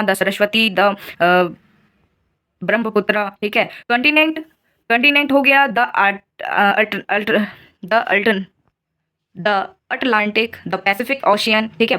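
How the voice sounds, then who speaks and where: A woman teaching an English grammar lesson in Hindi, with an Indian accent, explaining step by step and reading English examples slowly. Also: on the high side, sharp tone. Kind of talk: grammar lesson for exam prep.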